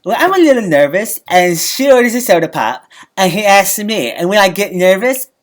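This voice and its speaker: A man telling a comic story in an awkward, halting way, repeating himself and chuckling between phrases. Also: high-pitched, sing-song. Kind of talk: comedic storytelling to camera.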